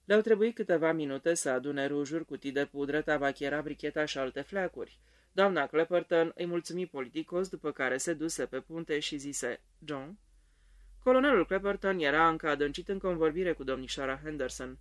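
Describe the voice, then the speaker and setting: Man reading a detective story. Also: fairly high pitch. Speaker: reader. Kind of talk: scripted narration of a detective story.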